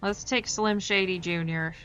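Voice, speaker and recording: Woman streamer, bright voice, dull lo-fi mic, game music underneath; chatty, self-deprecating. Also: medium pitch, fairly even intonation, unhurried. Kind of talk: casual gameplay commentary.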